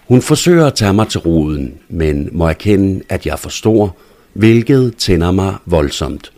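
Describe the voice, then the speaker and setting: A man calmly narrating a scripted first-person story in a measured reading voice. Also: low voice.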